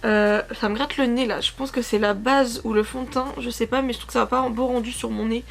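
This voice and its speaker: A woman's voice: a little high, fairly even intonation, quick pace, creaky. A woman in her twenties chatting casually about makeup from her couch at home, rambling and correcting herself with lots of fillers. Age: 20s. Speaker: beauty vlogger.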